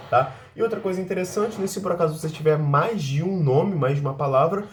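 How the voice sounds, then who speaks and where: A native Portuguese-speaking man teaching English in a recorded lesson, explaining step by step, checking in often and reading English examples slowly. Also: a little high, darkish tone, slight background noise.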